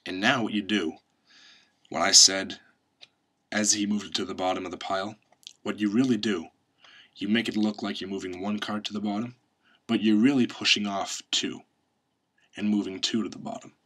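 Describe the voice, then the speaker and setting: A man's voice: on the low side, steady tone, normal speed, long pauses, fairly bright tone. A man presenting a step-by-step magic tutorial, instructing and reciting card magician patter as he demonstrates.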